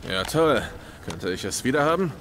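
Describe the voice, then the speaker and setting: A man's voice: medium pitch, big pitch swings, moderate pace, a bit bright, a little hiss or hum. An actor playing a wary, defensive male survivor in a video game, speaking plainly. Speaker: game protagonist.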